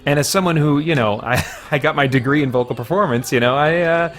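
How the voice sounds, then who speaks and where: Speaking a little high and a little fast, a man reviews a video game during play. He talks conversationally, works through his thoughts aloud, and lets slip mild slangy exclamations.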